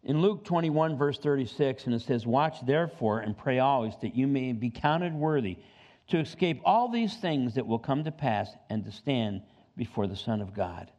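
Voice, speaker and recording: A pastor in his seventies preaches in church, animated and climbing high in pitch for emphasis while tossing in joking asides. The recording's high frequencies are cut off.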